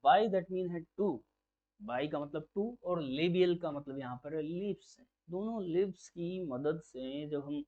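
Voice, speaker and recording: Male phonetics teacher, a bit high-pitched, patient drilling lecture; muffled lo-fi audio. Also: slow. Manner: patient, repeats key terms as questions to drill them. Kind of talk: exam-prep lecture. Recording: dull lo-fi recording.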